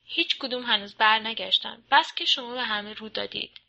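A woman's voice: fairly high pitch, animated, creaky, bright, forceful tone, highs cut off, full character voice. A woman voicing a fussy, grumbling old male office servant in a storybook reading.

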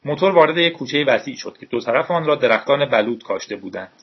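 A man with a husky, mid-pitched voice reads a novel aloud in a steady, measured way. The recording is dull and lo-fi, with a muffled top end. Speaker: audiobook narrator.

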